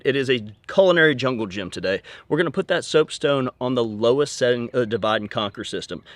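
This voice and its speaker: A man with an ordinary mid-range voice leads an energetic cooking demonstration. He talks to viewers in a lively, upbeat way. The sound is dry and close, with no room echo. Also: medium pitch. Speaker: chef.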